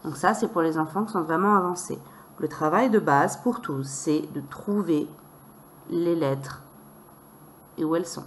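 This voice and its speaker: A woman teacher walking parents through a reading method, sounding out letters and syllables slowly and deliberately. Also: low-pitched, slight background noise.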